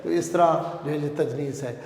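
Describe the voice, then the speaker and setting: A man with a fairly high voice teaches grammar to a class. He explains patiently, repeating each term and chanting verse lines in a lilting sing-song. The room is echoey, with a long reverb trailing his words. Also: creaky, a little mellow. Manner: repetitive, explains slowly with examples. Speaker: Urdu grammar lecturer. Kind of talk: classroom lecture.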